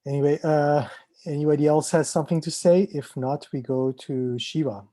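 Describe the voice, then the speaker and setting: A man's voice: a little high, steady tone, normal speed, warm tone, dry recording. A man moderating an online panel discussion in a casual, accommodating way. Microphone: video call.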